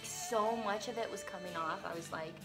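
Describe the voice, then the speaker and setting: A young woman in a casual makeup vlog, talking in a loose, rambling way and dropping "like" into nearly every sentence. Her pitch sits in an ordinary middle range for a woman. Clear music plays underneath her voice the whole time. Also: normal speed. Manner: rambling, fills speech with "like". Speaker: vlogger and stage actress. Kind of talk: casual chatty vlog while doing makeup.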